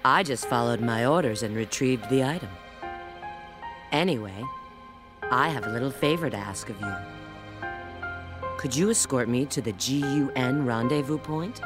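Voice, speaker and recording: A woman's voice: very deep voice, normal speed, long pauses, over music. A woman playing a sly, flirtatious bat secret agent in a video game cutscene, poised and teasing in her delivery. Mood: composed, informative.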